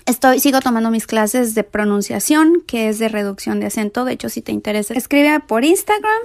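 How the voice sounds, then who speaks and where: Young woman, podcast host, chatty and rambling, slightly high voice, dry close sound. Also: animated, fairly quick, vocal fry, no echo. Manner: chatty, rambling, laughs often. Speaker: podcast host, nutrition creator. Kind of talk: casual monologue podcast.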